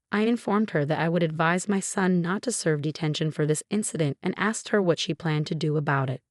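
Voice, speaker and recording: A woman reading online forum posts aloud as scripted narration, in an even, measured delivery with no fillers. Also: low-pitched, dry recording, studio quality. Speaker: story narrator.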